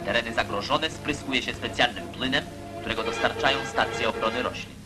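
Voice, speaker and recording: Guy doing old newsreel narration, emphatic and declamatory, music loud underneath. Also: medium pitch, fairly quick. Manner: declamatory, emphatic propaganda delivery.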